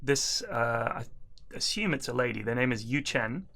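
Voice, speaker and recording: A man's voice: medium pitch, lively intonation, normal speed, gravelly, pushed and bright. A British man co-hosting a podcast, chatting and reading listener emails aloud. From Britain.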